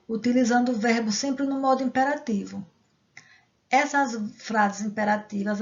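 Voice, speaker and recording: Gravelly Portuguese-speaking woman teaching grammar. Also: on the high side, darkish tone, dull audio. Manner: explains slowly with example sentences and checks like "certo?". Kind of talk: grammar lesson.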